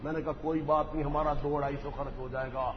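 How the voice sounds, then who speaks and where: A man's voice: on the high side, flat delivery. A man preaching a sermon, mocking and impassioned, acting out the dialogue of his stories. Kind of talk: sermon with storytelling. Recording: dull lo-fi hall recording with faint noise.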